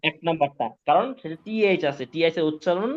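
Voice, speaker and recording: In a live online class, a male Quran teacher with a slightly high voice speaks fast, drilling pronunciation patiently and repeatedly. He checks often whether the students follow, and the sound is muffled and low quality.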